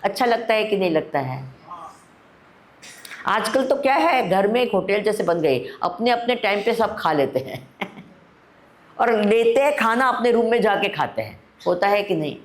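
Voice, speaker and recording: A woman spiritual teacher giving a discourse at a spiritual camp, unhurried, often asking her listeners questions and mixing Hindi with English. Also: medium pitch, sing-song.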